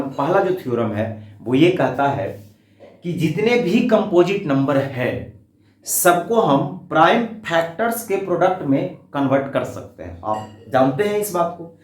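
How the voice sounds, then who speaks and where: A man with a fairly high voice teaches a classroom maths lesson. He talks step by step, poses questions and answers them for his students, and calls them "my friend". He sounds set back from the mic in a roomy, echoing space. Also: darkish tone. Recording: echoey room, mic far off.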